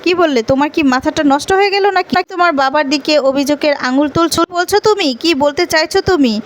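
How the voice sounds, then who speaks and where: A woman's voice: sits high, fast talker, natural voice. A woman reading out the lines of a stern father who scolds his sons indignantly. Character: stern angry father of the family.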